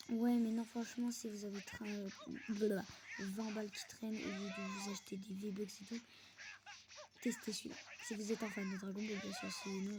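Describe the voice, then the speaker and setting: A woman giving casual gameplay commentary, chatty and prone to excited yelps while she plays, recorded on a phone. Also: mid-range voice, noisy background. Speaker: gamer.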